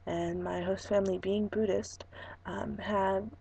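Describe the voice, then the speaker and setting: A young woman chatting in an unscripted casual vlog on a webcam, halting and relaxed, her sore voice hoarse, breaking and giving out. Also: mid-range voice, a little hiss or hum, low-quality recording. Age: young adult. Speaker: vlogger. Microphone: webcam microphone.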